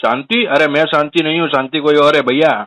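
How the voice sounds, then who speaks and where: A man's voice: a little high, steady tone, a little fast, fairly bright tone, a little hiss or hum. A man with an Indian accent, a loan customer mocking and grilling a recovery agent on a phone call, sarcastic and insistent.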